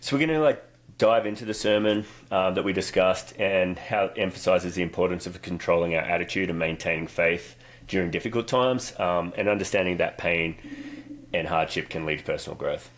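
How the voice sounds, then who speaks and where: A man's voice: deep voice, brisk, fairly bright tone. A man co-hosting a faith podcast, reading an earnest episode summary with a few fillers. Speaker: podcast co-host.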